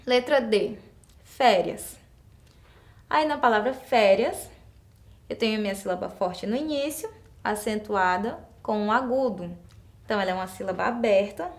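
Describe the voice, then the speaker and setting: A Brazilian woman teacher with a Brazilian Portuguese accent gives a classroom lesson explaining exercises, breaking each into small steps at a patient, even, moderate pace. Her voice sits at a middle pitch, and she often asks the class a question and then answers it herself.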